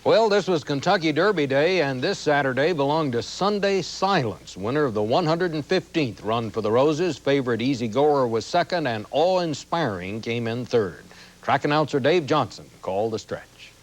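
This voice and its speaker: A man anchoring an evening newscast, reading scripted lead-ins in a measured, formal delivery. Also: mid-range voice, expressive. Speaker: news anchor.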